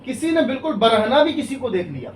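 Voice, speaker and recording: A man's voice: very high-pitched, very animated. A man, an Islamic scholar, explaining religious rules step by step in a question-and-answer talk, with worked examples and frequent checks that the listener follows. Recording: echoey room, mic far off, faint ambient noise.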